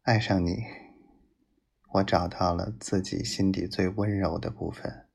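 A low, gravelly male voice speaks slowly, as if confessing love to his woman. He is possessive and domineering, with an intense, intimate delivery that sometimes sinks toward a breathy whisper. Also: steady tone, darkish tone. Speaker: narrator of love monologues addressed to his wife. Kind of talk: intimate romantic monologue.

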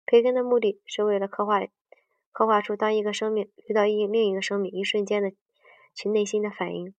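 A woman's voice: mid-range voice, little pitch movement, brisk, dry recording. A woman reading a book aloud, often stumbling, restarting and correcting herself mid-sentence. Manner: hesitant reading with frequent restarts and self-corrections. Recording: dull distant dry sound.

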